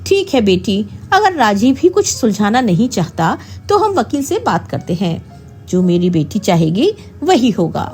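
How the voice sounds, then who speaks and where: A woman voicing a gentle, soothing older mother in a storybook tale. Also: medium pitch, very animated, unhurried, faint music behind.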